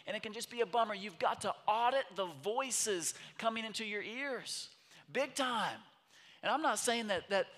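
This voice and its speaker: Bright-voiced male preacher in a reverberant hall. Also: sits high. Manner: passionate, conversational, builds in intensity. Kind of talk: sermon.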